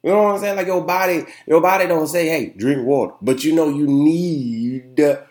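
A young man hosts a casual solo podcast, sounding congested and nasal in a fairly high, slightly mellow voice at normal speed. He rambles chattily with lots of fillers, repeatedly asking "you know what I'm saying," in a roomy, echoey room.

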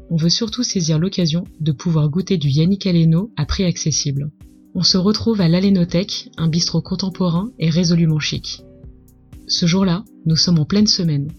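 A woman's voice: lowish voice, darkish tone, breathy edge. French woman storyteller, muffled, over music. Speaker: podcast host, culinary storyteller. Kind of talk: scripted storytelling narration.

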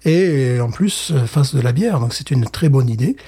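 A man's voice: mid-range voice, lively intonation, normal speed, warm tone, breathy edge. A man co-hosting a casual chat, playful and full of wordplay and laughs. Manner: playful, wordplay, frequent laughter, stammering restarts. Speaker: podcast co-host.

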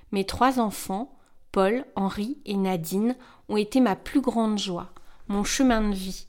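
A woman's voice: mid-range voice, darkish tone, natural voice. A woman reading as a wistful 73-year-old woman. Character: 73-year-old woman, retired textile worker, wistful and grateful. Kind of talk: scripted narration of a letter.

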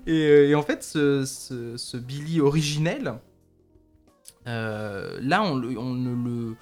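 A man's voice: mid-range voice, slow pace, a little mellow, faint music behind. A man co-hosting a casual film podcast, talking with many fillers and restarts and laughing often. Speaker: podcast co-host.

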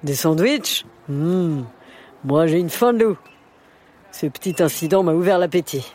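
An actor playing a brave young activist who speaks calmly and steadily. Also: male voice, a little high, unhurried, natural voice. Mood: relaxed.

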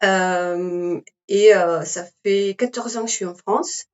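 A Slovenian woman in her forties with a Slovenian accent, chatting in a halting way with many fillers as an interview guest. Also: medium pitch, lo-fi sound. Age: 40s. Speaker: guest, climber. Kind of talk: casual interview chat.

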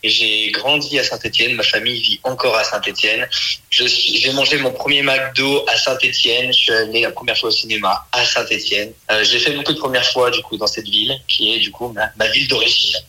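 A man in his twenties, a comedian guest in a casual radio interview, chatty and relaxed with many fillers. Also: medium pitch, brisk, rough recording. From France. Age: 20s.

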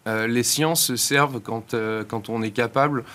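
A man giving explanatory answers as an interview guest, measured and articulate, pausing between phrases. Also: mid-range voice, pushed and bright. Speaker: institute director and founder, interview guest.

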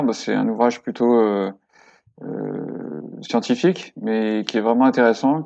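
A man's voice: mid-range voice, gravelly, a little mellow, dull audio. A man speaking as a guest on a casual podcast interview, hesitant with many fillers and restarts but enthusiastic. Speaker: podcast guest, workshop co-creator.

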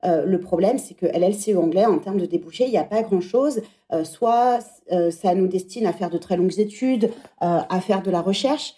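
A woman in her thirties, a former teacher appearing as a podcast guest, thinks aloud reflectively in a conversational interview. Her voice is warm and mid-range, at a normal speed.

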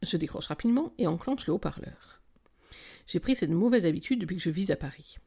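A woman narrates a romance novel in the first person, with a wry, intimate delivery. Her voice is low and mellow, with a gravelly fry in it. At moments she lets it sink into a whisper. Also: animated, a little fast. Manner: intimate, wry storytelling, sometimes dropping to a whisper. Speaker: audiobook narrator.

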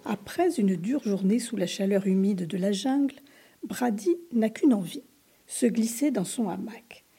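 A woman giving a whispered storybook reading, soft, hushed and expressive. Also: medium pitch, a little slow, husky, faint music behind.

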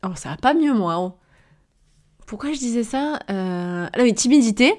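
With a fairly high pitch, lively intonation and a darkish tone, this woman talks at normal speed. She's an entrepreneur hosting a podcast, her southern French accent from Avignon, and she tells a personal story in a rambling, chatty way, hesitating, correcting herself, laughing briefly and addressing the listener familiarly.

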